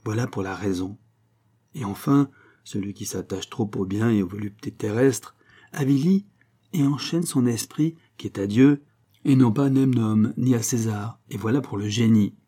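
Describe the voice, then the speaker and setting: A man's voice: on the low side, normal speed, mellow, slightly rough. A man voicing a young male angel messenger who speaks eloquently and preaches. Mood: preachy. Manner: solemn, sermonizing delivery.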